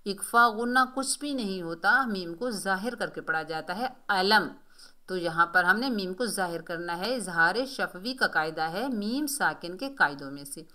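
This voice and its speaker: A woman teaching a Quran recitation lesson, explaining each pronunciation rule slowly and then chanting the words in long, drawn-out tones. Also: mid-range voice, lively intonation, sharp tone. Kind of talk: tajweed lesson with recited examples.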